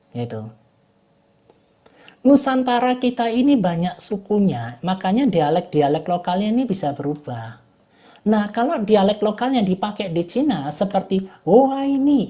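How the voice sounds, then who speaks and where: A woman's voice: medium pitch, mellow. A woman teaching an online class in a casual, chatty way, often checking that her listeners follow. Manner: chatty, repeats "gitu loh" and "Bapak Ibu".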